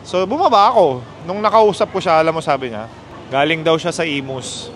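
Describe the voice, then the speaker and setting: Chatty high-voiced man telling a story. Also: fairly quick, slight background noise. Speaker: motorcycle club host. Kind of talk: casual storytelling chat.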